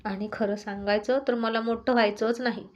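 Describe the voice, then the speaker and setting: A woman's voice: a little high, fairly even intonation, normal speed, a little mellow, dull audio, lightly acted. A woman reading a story aloud and voicing a spoiled, playful young wife with a pleading, sing-song manner. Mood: teasing.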